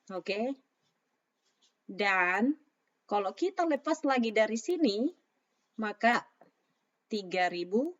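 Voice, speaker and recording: A woman with a raspy voice, hoarse from a sore throat, casually talking through trading analysis and mixing in English phrases. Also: medium pitch. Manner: informal, mixes English phrases into talk. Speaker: trader presenting market analysis. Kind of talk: casual spoken chart commentary. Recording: dull, lo-fi microphone sound.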